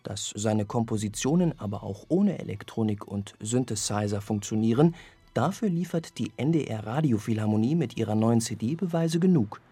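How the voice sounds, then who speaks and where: A man reading a scripted radio review of an orchestral album in a measured, evaluative way. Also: medium pitch, dark tone, slightly rough, no echo. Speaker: music critic.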